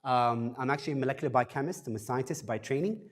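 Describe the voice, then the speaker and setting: A medium-pitched man gives a casual lecture as a guest speaker at a startup workshop, addressing an audience in an event space. He talks fast, is self-deprecating, and uses frequent fillers.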